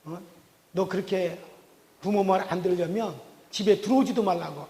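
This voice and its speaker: A man's voice: high-pitched, moderate pace, mellow. A male pastor voicing an angry mother who scolds her unruly son harshly. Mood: scolding. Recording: reverberant church hall.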